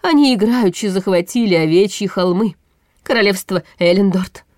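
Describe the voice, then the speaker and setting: A woman's voice: mid-range voice, normal speed, darkish tone, dry recording, clean studio sound, natural voice. A woman reading a storybook audiobook, voicing a weary, anxious older male chancellor who speaks in a gloomy, hesitant way.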